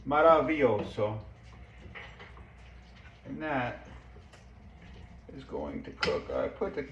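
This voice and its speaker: A man cooking at home in his kitchen, talking through a recipe in a chatty, halting way with playful mock-Italian phrasing. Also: medium pitch, very animated, roomy sound, lo-fi sound, slight background noise. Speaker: home cook. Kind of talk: casual cooking demonstration.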